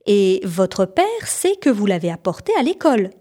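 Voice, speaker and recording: A woman's voice: mid-range voice, very animated, moderate pace, dark tone. A woman voicing a stern, easily exasperated schoolteacher in a children's story, scolding and exclamatory.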